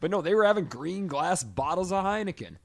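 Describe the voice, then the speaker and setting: A man's voice: high-pitched, expressive, a little fast, creaky. A man co-hosting a podcast, blunt and sardonic, swearing as he talks about a film. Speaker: podcast co-host. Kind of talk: casual film discussion.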